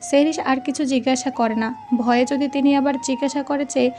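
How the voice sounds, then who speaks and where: A woman's voice: high voice, steady tone, a little fast, mellow. A woman narrating a romantic audio story, reading every character's lines in her own voice. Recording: faint music behind.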